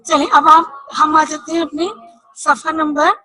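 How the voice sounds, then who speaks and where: Bright, high-voiced woman teaching children. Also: steady tone, no echo, rough recording. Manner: spells letters slowly, asks and answers own questions. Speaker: Urdu teacher. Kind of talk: online reading lesson for children.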